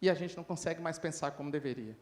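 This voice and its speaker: High-voiced man giving a lively lecture. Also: racing. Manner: lively, acts out dialogue in different voices. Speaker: lecturer at a conference. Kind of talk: conference talk with storytelling.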